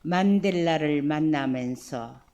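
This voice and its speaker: A woman, a religious sister, giving a spoken lecture to her listeners and asking them questions as she goes. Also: low voice. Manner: slow prayerful opening, then lively conversational teaching with questions to listeners. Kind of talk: prayer then spoken lecture.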